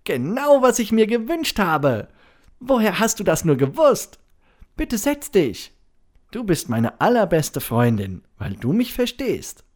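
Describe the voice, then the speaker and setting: A gentle, modest female turtle from a children's storybook, speaking softly and politely, as a reader puts her on. Her unhurried voice rises and falls very freely. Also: medium pitch, huge pitch swings, voice pushed up. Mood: delighted.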